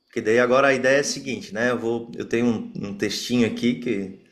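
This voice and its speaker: A man's voice: mid-range voice, a little fast. A man casually hosting an online group meeting and inviting others to speak. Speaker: meeting host.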